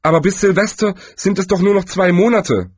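A man's voice: sits high, brisk, slightly rough, no echo, pitched above the performer's own voice. A man voicing a pompous male wizard who commands Death and turns flustered. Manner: commanding, then hasty and huffy.

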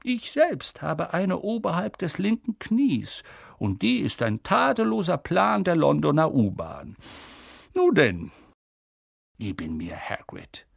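Guy reading calm wise old wizard, mild and measured, slow and a bit gravelly. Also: a little high, no room sound, clean studio sound, voice pushed up, exaggerated voice.

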